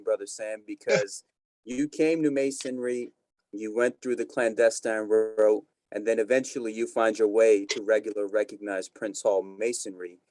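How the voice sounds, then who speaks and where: A man hosting an interview, asking long, measured, formal questions. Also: fairly low pitch, a little mellow, dry recording, rough recording. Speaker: host.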